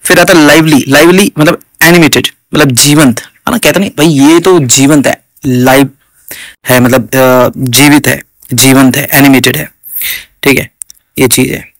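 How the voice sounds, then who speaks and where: A man's voice: mid-range voice, a little slow, a bit bright, no room sound. Man, Indian English accent, vocabulary teacher, repetitive explaining, dry close sound. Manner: explains each word with repeated Hindi glosses and "theek hai" checks. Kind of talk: vocabulary lesson for exam prep.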